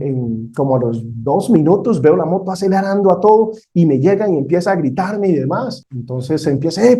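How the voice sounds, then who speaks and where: A man's voice: on the high side, warm tone. A middle-aged man teaching a Bible counseling class, talking conversationally, asking the class questions and telling a personal story.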